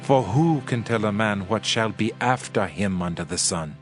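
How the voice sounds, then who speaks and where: For a dramatized audio Bible, a male actor plays a solemn, reflective preacher of ancient wisdom, reading scripture in a measured, declamatory way. His voice is fairly low and animated, lightly acted, with background music playing under it.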